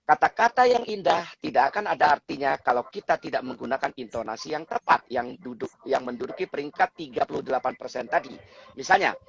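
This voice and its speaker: Gravelly-voiced man explaining communication. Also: mid-range voice, expressive, fairly quick, fairly bright tone. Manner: lecturing, acts out example phrases with changing intonation. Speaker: guest expert on communication. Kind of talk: explanatory talk show chat. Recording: dull lo-fi recording.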